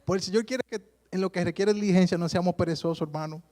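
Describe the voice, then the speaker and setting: A man preaching in a Dominican accent, his voice sitting a little high for a man. He tells stories lively and keeps turning to the congregation as brother, in a church service. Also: fast talker. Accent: Dominican Spanish. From Dominican Republic. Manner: lively storytelling, keeps addressing listeners as brother. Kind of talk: sermon.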